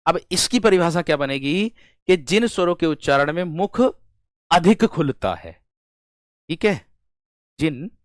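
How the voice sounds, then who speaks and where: A man teaching an exam-prep lesson, feeling unwell, repeating questions and answering them himself as he explains slowly to his students. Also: fairly high pitch, animated, no room sound, studio quality. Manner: repetitive call-and-response, addresses students as friends.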